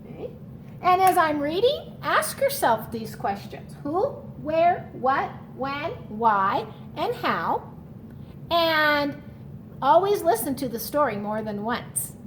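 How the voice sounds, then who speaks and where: Guiding children through a read-aloud, a woman teacher speaks in a careful, instructive manner and comes back to key words again and again. Her voice sits high with big pitch swings, over a slight hiss or hum.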